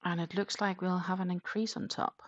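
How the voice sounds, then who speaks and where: On a crochet livestream, a woman from Denmark chats casually, reads aloud from viewer comments, and counts her stitches as she goes. Her voice is somewhat low and level, at a moderate pace, and the audio sounds dull.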